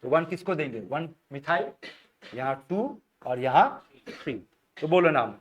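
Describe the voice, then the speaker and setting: A man's voice: on the high side, animated, a little slow, highs cut off. A man teaching chemistry in a classroom, coaxing students, repeating their answers back and prompting them by name.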